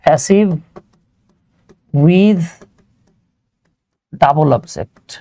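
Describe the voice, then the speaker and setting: Here a Bangladeshi-accented man walks learners through grammar informally, one step at a time, chatting and tossing out rhetorical questions to check they follow. He speaks extremely slowly in a slightly high, mellow voice, with no echo.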